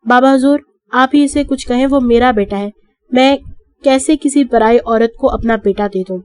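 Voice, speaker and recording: A woman voicing an angry, grieving aunt in an audiobook, shrill and accusing. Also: a little mellow, natural voice. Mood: pleading, wailing. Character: furious grieving middle-aged aunt.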